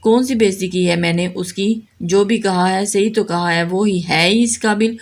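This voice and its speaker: A woman voicing a bitter, sharp-tongued young sister who confronts her brother. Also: medium pitch, steady tone, natural voice. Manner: bitter, cutting.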